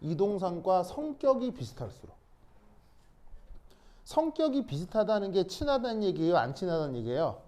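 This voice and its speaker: A man's voice: high-pitched, sing-song, normal speed, mellow. A man teaching a chemistry lesson in a classroom, talking casually and often asking his students whether they understand. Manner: checks understanding with repeated questions; casual, mixes in English words. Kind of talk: classroom lecture.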